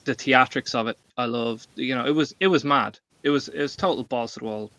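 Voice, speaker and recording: An Irish man on a livestream panel tells personal stories in casual chat, emphatic and prone to swearing. His medium-pitched voice is brisk, pushed and bright, with no echo. The lo-fi microphone makes the recording sound dull.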